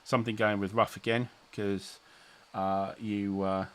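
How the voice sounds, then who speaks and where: A man's voice: on the low side, flat delivery, measured pace. A middle-aged man, hosting a casual livestream chat, rambling and restarting sentences with chuckles. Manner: rambling, self-interrupting, chuckling. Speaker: channel host.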